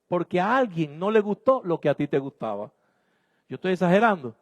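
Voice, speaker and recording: A man's voice: sits high, big pitch swings, a little fast. A man preaching a sermon as pastor, exhorting his congregation emphatically in a church. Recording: long hall reverb.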